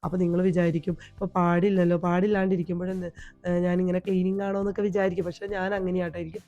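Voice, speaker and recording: A woman vlogger with a Malayali accent, hoarse from a cold, chatting homely in a voice-over about her day. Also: fairly low pitch, level tone, racing, muffled recording, faint music behind. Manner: chatty, homely, tags sentences with a soft "ട്ടോ". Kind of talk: home vlog voice-over. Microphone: voice-over recorded at home.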